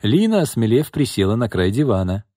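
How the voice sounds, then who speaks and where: A man reading an audiobook chapter as narrator, in an even, measured manner. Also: medium pitch, dry recording, clean studio sound. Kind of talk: scripted narration.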